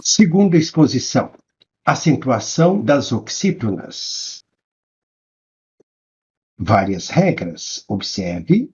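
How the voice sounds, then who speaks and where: A man teaching a grammar lesson in scripted narration, spelling out examples slowly and with emphasis. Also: medium pitch, big pitch swings, a little mellow, lo-fi sound, faint music behind. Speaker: Portuguese teacher.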